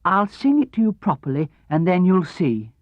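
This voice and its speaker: A man voicing an amiable, slow-witted toy bear from a children's storybook, simple, deliberate and earnest. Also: sits high, big pitch swings, dry recording, muffled recording, voice pushed up. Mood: explaining.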